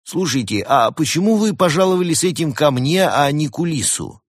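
A man's voice: a little fast, no room sound, studio quality. A man voicing a fussy, reluctant male koala spy in a storybook reading. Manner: higher and more excited than the narration.

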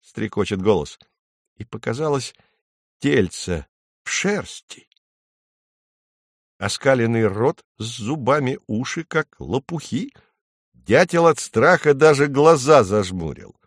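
A man narrating a children's storybook in an expressive storytelling manner. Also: mid-range voice, takes it slowly, long pauses, no echo, clean studio sound. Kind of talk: storybook reading.

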